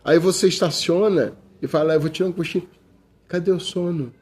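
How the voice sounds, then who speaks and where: A man's voice: fairly high pitch, fairly even intonation, brisk, a little mellow, slight background noise. A middle-aged Brazilian man preaching an informal sermon in a conversational way, often calling listeners brother, with many restarts. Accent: Brazilian Portuguese.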